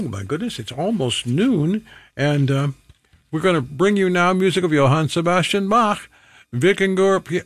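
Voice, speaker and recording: A man's voice: a little high, no echo. A man hosting a classical music radio show from a studio, talking casually and adding wry asides between pieces. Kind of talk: casual on-air presentation. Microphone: studio microphone.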